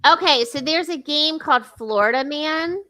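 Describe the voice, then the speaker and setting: A woman's voice: high-pitched, normal speed, pushed and bright, faint music behind. A woman co-hosting a casual podcast, chatting with many fillers and restarts. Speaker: podcast co-host. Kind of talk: casual chat.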